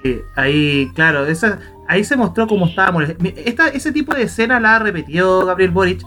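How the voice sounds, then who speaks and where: A man leads a casual political chat, recalling past events and turning to the others for their views. His voice is notably high for a man. He speaks in a steady, measured way. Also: soft background music.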